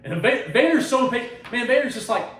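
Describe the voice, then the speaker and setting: A man's voice: very high voice, fast talker. A man hosting a casual podcast, retelling a story with lots of swearing and laughter. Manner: profane, excited retelling, laughs often. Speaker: podcast host. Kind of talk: casual chat. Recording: roomy echo, distant mic, faint ambience.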